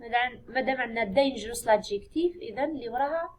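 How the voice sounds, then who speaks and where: Algerian woman, English teacher, high voice, slow deliberate review lesson, repeats key words. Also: expressive, a little hiss or hum, poor audio. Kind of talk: classroom exam review lesson.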